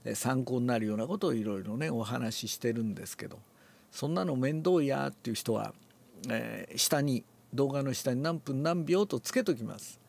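An older man, relaxed and musing aloud, explains a classical Japanese text before reading it aloud and demonstrates with his voice. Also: medium pitch, normal speed, vocal fry. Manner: relaxed, talks to himself, demonstrates accents aloud. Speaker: reading teacher.

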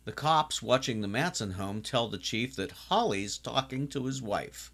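A man in his sixties recapping a TV episode in a chatty, casual way, now and then breaking into animated exclamations. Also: medium pitch, a little slow, gravelly. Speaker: TV series reviewer.

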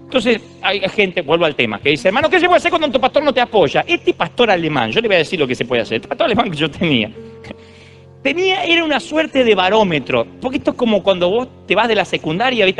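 A man's voice: sits high, a bit bright. A man in his thirties with an Argentine accent, giving a humorous, digressive sermon full of stories. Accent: Argentine Spanish. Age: 30s. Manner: storytelling, digressive, jokey. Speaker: preacher.

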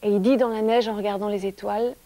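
Soft-spoken woman telling a children's story. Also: medium pitch, fairly even intonation, fast talker, dry recording. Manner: soft-spoken, dropping to a whisper at times. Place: TV studio.

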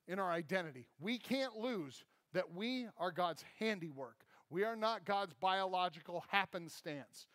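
High-voiced pastor preaching on stage. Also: male voice, no echo. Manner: animated, gesturing while pacing a stage. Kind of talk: sermon. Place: church stage, large indoor hall.

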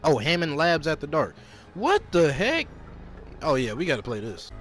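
Excitable young man gaming with friends. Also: a little high, moderate pace. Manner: slangy, excitable, swears at the game. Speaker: gamer. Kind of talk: casual gaming chat. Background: game music and gunfire.

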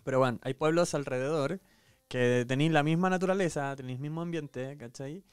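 Young Chilean man co-hosting a casual chat, chatty and explanatory, often checking in with his listener. His voice sits at a middle pitch and sounds smooth and clear, recorded dry and close. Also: brisk, dry recording. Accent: Chilean Spanish. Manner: chatty, explaining with frequent "cachai". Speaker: co-host.

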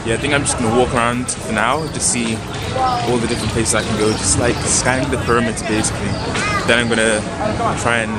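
A man's voice: medium pitch, little pitch movement, fast, loud music behind the voice, over a noisy crowd. A young man chatting casually as a travel vlogger, thinking aloud while walking around an outdoor market. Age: young adult. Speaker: exchange student vlogger. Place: outdoors on a busy city street market. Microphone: phone camera at arm's length. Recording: loud street and traffic noise.

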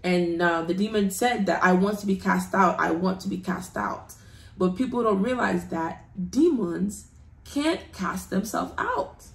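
A woman's voice: medium pitch, animated, unhurried, gravelly. Earnest woman giving testimony, roomy sound. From United Kingdom. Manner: earnest, preaching emphasis. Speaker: testimony guest. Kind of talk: personal testimony. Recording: roomy echo.

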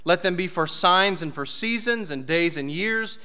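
A man's voice: high-pitched, expressive, moderate pace, bright, forceful tone, clear, resonant tone. A man in his thirties preaching a conversational sermon from a church podium, with asides and rhetorical questions. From United States. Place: church hall. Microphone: podium mic.

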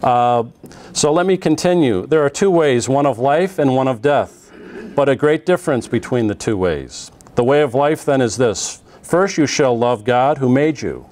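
A middle-aged man lecturing a class in a conversational way, often pausing on "uh" and restarting phrases, recorded on a lapel mic in a classroom. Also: mid-range voice, animated, a little mellow. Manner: conversational, with frequent "uh" fillers and restarts. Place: classroom in front of a projected slide.

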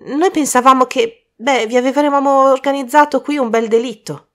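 Woman playing an excitable young prankster. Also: moderate pace, lightly acted. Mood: eager, flustered. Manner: high, loud and excitable. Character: young man, prankster, eager and apologetic.

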